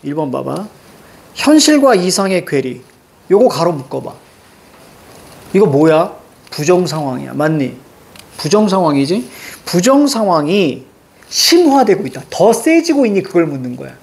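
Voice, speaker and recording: A male teacher giving an online lesson, energetic, drilling his students with the same short questions again and again. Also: high voice, moderate pace, gravelly, long pauses. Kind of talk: online lecture.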